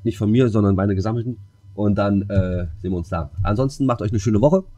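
Low-voiced German podcast host, man. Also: quick pace, warm tone. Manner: chummy, addresses listeners directly. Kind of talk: casual podcast chat.

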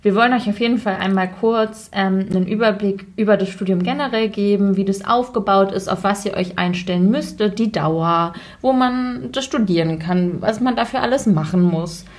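A woman's voice: mid-range voice, moderate pace, hardly any pauses. A woman in her twenties co-hosting a casual podcast chat, talking freely with frequent fillers and laughs. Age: 20s. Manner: chatty, laughs often, many fillers. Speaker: podcast co-host.

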